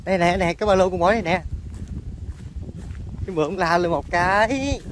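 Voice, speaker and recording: A man's voice: sits high, brisk. A man with a Southern Vietnamese Mekong Delta accent hosting an outdoor snake-hunting vlog, exclaiming and talking straight to his viewers. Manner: exclamatory, addresses viewers as aunts and uncles. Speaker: vlog host filming a snake hunt. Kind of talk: excited outdoor commentary to viewers. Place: outdoors in rural countryside. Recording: outdoor camera audio with noticeable background noise.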